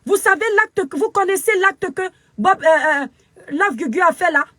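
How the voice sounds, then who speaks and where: Very high-voiced Cameroonian woman scolding. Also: lively intonation, moderate pace, pushed and bright, no room sound. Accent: Cameroonian French. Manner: scolding, preachy, emphatic repetition. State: very upset. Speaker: social media commentator. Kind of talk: angry live video rant. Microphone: phone camera.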